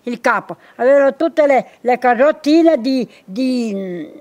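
An older woman, telling local stories in halting speech that often repeats itself. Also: high voice, expressive, a little mellow. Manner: halting, repetitive, searching for words. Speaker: local storyteller. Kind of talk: casual reminiscing chat.

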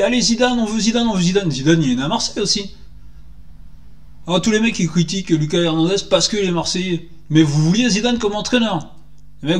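A man in his forties giving an indignant, animated solo opinion talk, firing rhetorical questions, recorded on a desk microphone in a small room. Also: high-pitched. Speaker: football commentator vlogger. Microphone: desk microphone on stand.

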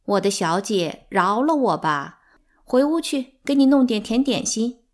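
A woman voicing a sharp-tongued household maid who talks in a sardonic, teasing way in a storybook reading. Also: on the high side, expressive, unhurried, voice pushed up.

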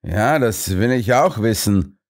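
A man's voice: on the low side, lively intonation, slow, darkish tone. A man playing a whiny, impatient politician. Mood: grumbling. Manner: whiny, sulky. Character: grumbling, impatient male politician.

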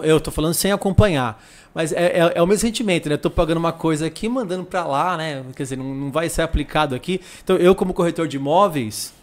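Chatty Brazilian male host. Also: a little high. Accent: Brazilian Portuguese. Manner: chatty, rambling, many fillers. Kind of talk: casual chat.

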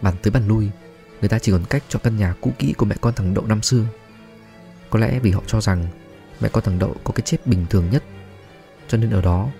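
A man reading a horror story aloud as narrator, in a measured, grave way. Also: on the low side, dark tone. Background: faint music.

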